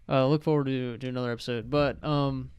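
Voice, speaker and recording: Smooth-voiced young man hosting a podcast. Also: medium pitch, fairly even intonation, normal speed, a little mellow, dry recording, highs cut off. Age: young adult. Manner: rambling, self-correcting. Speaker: podcast host. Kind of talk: casual podcast chat.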